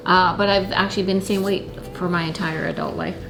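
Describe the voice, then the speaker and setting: A middle-aged woman chatting casually as a guest, with mild, halting, hesitant phrasing. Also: fairly low pitch, fairly even intonation, vocal fry, noisy background. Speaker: host's mother, guest. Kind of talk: casual chat.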